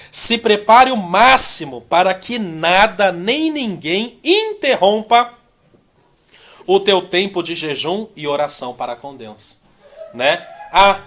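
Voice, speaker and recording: A man's voice: high-pitched, fairly bright tone. A man gives an informal church teaching, full of "né?" tags and little acted-out dialogues. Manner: conversational, constantly adds "né?" tags; acts out little quoted dialogues. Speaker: discipleship teacher.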